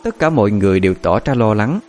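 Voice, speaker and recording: Man, horror story narration, dramatic, low voice, lively intonation. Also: quick pace.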